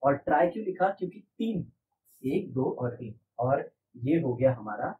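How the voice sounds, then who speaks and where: A man's voice: medium pitch, big pitch swings, normal speed, distant mic, narrow, tinny audio, a little hiss or hum. A man teaching a chemistry lesson, patient and repetitive, asking his class rhetorical questions. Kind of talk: classroom lecture.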